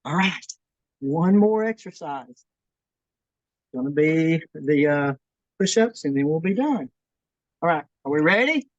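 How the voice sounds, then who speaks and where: A low-pitched, animated woman guides a workout over video call, a little slow and pausing at length while slightly winded. As a fitness instructor she encourages viewers and keeps stressing simplicity, recorded dull and without echo.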